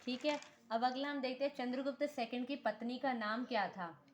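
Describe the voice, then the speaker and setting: A woman with a high voice and steady tone teaches exam-oriented history at a moderate pace, with a little hiss or hum in the recording. She questions and answers herself, repeats key names, and frequently says "theek hai," correcting herself slightly as she goes.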